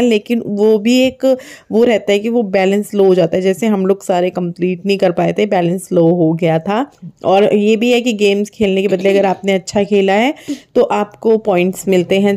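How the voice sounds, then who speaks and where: A woman's voice: medium pitch, warm tone. A woman in her thirties narrating a family vlog, chatting in a homely way about prices and shopping, filmed on a phone held at arm's length. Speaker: family vlogger. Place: busy indoor shopping mall.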